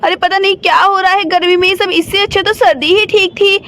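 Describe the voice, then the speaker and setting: A woman's voice: extremely high pitch, steady tone, fairly quick, bright, forceful tone. A woman voicing a scolding, bossy middle-aged village mother in a doll story. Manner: bossy, complaining.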